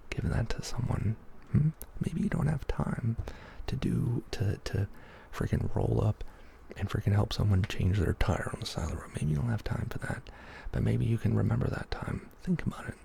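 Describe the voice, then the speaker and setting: A man giving a soft, half-whispered ASMR pep talk in a breathy, gravelly voice, rambling along with gentle encouragement. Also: lowish voice, moderate pace, hardly any pauses, background noise. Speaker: ASMR YouTuber.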